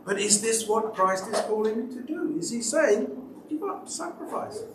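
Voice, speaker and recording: A man's voice: sits high, normal speed, noisy background. A man preaching a sermon in a church, telling stories and asking rhetorical questions in a conversational way. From United Kingdom. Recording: roomy church sound, mic at a distance.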